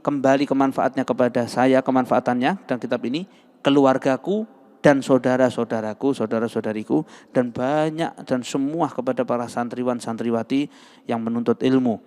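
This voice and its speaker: A man's voice: medium pitch, steady tone, moderate pace, a little mellow. Javanese guy teaching a religious class, jokey, acts out begging prayers, mid voice, big mosque echo. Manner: humorous, acts out sample prayers in a pleading voice. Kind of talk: religious study lecture. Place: large mosque hall. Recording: long mosque reverb.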